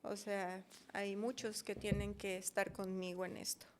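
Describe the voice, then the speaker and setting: A woman's voice: medium pitch, flat delivery, unhurried, slight background noise. A woman, a podcast guest giving an emotional personal testimony and acting out her own pleas.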